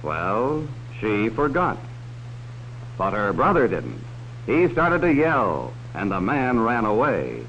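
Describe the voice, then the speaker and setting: With huge pitch swings in a lowish, fairly bright voice, a man slowly voices a cautionary adult narrator from a 1950s educational film about strangers. He speaks straight to children in a folksy way, posing leading questions, on a dull, hissy soundtrack, fully in character.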